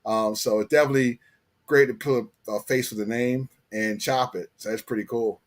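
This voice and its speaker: A man's voice: mid-range voice, steady tone, moderate pace. An American man hosting a casual live chat, slangy and fond of repeating phrases for emphasis. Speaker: live stream host.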